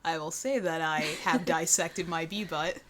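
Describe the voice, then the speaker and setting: A woman's voice: low-pitched, steady tone, normal speed, crowd noise. A woman co-hosting a podcast in casual chat, rambling along in a self-deprecating way. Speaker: podcast co-host.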